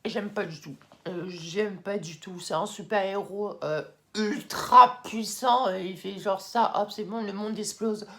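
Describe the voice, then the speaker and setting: A young woman in casual vlog talk, chatty with many fillers and excited bursts, now and then moving off the mic. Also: mid-range voice, moderate pace. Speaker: YouTuber ranking anime. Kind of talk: casual vlog tier list.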